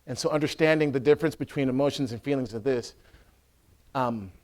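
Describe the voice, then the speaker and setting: A man, an Orthodox priest, teaching in a conversational way, often checking that listeners follow and acting out scenes loudly. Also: medium pitch, fairly quick. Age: adult with a school-age son. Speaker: Orthodox priest giving a talk.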